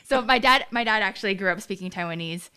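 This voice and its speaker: A podcast host closes out a casual interview with quick, friendly thanks and giggles. Her mid-range voice is smooth, pushed and bright.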